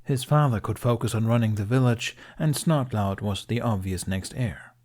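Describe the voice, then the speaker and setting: Reading an audiobook aloud, a man with a fairly low, slightly mellow voice delivers scripted, dramatic prose storytelling at a normal pace.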